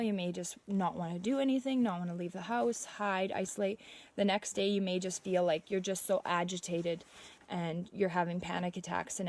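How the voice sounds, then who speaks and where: A woman's voice: lowish voice, darkish tone. A young adult woman talking casually and reassuringly, as a host sharing her experience on a livestream. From Canada. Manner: reassuring, conversational. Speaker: livestream host and mother speaking from personal experience. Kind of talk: casual informal livestream talk.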